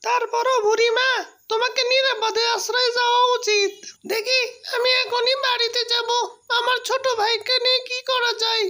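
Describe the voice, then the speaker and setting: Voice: very high-pitched, little pitch movement, normal speed, sharp tone. A performer voicing an anxious, caring young fox in a cartoon, speaking earnestly and urgently. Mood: worried, urging. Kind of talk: cartoon voice acting.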